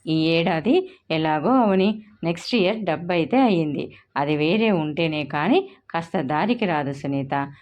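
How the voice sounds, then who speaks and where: A woman voicing a hot-tempered mother in her thirties in a storybook reading, sharp and shouting. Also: low voice, lively intonation, moderate pace, muffled recording. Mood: bitter. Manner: shouting in rage.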